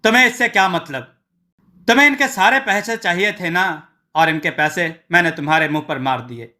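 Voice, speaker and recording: Man putting on a sharp-tongued village wife, shrill, high-pitched, bright and cutting, exasperated scolding, storybook tale. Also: normal speed. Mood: defiant.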